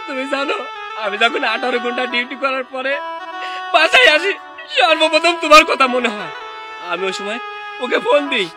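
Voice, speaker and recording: A man playing a grief-stricken son in a melodramatic drama, his voice high and swooping with emotion. He pleads and cries out, then scolds harshly, with music playing clearly beneath him. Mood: grieving. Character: anguished son, angry at his wife. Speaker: son working abroad. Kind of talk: melodramatic short drama acting. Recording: music underneath.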